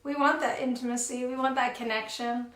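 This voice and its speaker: High-voiced encouraging woman, roomy sound. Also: little pitch movement, fairly quick, a bit bright. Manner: encouraging, builds emphasis through repeated phrases. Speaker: co-host. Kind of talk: motivational pep talk.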